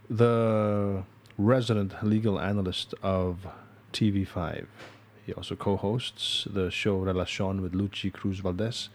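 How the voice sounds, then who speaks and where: A man with a Filipino accent hosting an interview podcast, giving a formal, measured introduction of his guest. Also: fairly low pitch, a little mellow, slight background noise. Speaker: podcast host.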